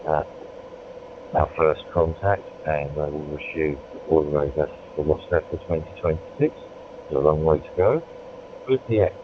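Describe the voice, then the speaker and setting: Very deep man on crackly radio. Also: normal speed. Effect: crackly digital ham radio transmission. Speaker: amateur radio operator. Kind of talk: radio contact sign-off with call signs. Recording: noisy, thin narrowband radio link.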